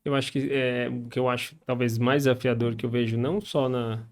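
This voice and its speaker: A man with a São Paulo Brazilian accent who hosts a podcast, talking in a relaxed, reflective way and thinking aloud. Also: medium pitch, brisk. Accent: Brazilian Portuguese, São Paulo area. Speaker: podcast host. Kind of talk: conversational podcast interview.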